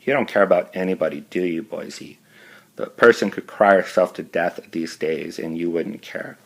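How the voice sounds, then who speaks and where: A man's voice: low voice, normal speed, gravelly. A man voicing a moody, dramatic young teenage girl in a storybook read-aloud, with plaintive, wailing pleas. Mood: scolding.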